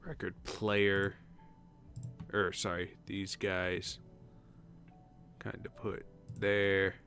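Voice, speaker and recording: A man's voice: sits low, flat delivery, drawn-out words, bright, forceful tone, faint music behind. A man casually commenting as he plays a decorating game on stream, muttering to himself as he places furniture. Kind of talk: casual let's-play commentary.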